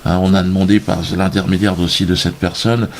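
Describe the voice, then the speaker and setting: Male comedian, lowish register, halting deadpan monologue for an online video, faint background noise. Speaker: comedian presenting his own video. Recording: steady background noise, clicks.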